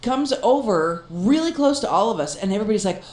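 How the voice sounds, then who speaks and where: A woman co-hosting a casual chat, telling a story in an animated way and laughing often. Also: medium pitch, fast, roomy sound. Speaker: podcast co-host.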